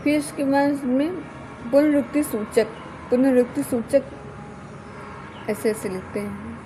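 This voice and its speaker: A woman's voice: high-pitched, steady tone, a little slow, noisy background. A woman teaching an exam-prep grammar lesson, who keeps asking "kya?" and then repeats her key points.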